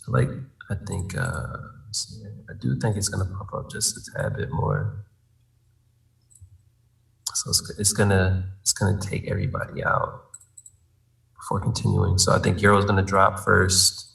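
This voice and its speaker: Gravelly low-voiced man chatting trades. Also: moderate pace, pauses often, fairly bright tone, distant mic, rough recording. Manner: hesitant, thinking aloud, says "bro". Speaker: trader in a live trade room. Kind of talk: casual live trading chat.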